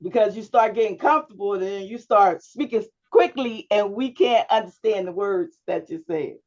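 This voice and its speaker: Over a video call, a woman public speaking instructor gives a student one-on-one coaching feedback, often checking understanding with "right?". Her voice is medium in pitch and a little mellow at a normal speed, with the highs cut off.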